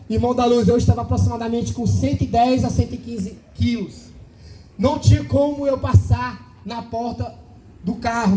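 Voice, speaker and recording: Man, church testimony sermon, very high voice, dark mellow tone, fervent and repetitive. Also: poor audio. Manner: fervent, emotional storytelling with many repetitions. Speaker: preacher. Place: church service.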